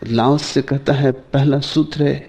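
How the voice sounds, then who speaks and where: Guy giving a spiritual talk, slow and measured, lots of pauses, gravelly low mellow voice. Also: steady tone. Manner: rhetorical questions to listeners. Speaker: spiritual teacher. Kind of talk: spiritual discourse.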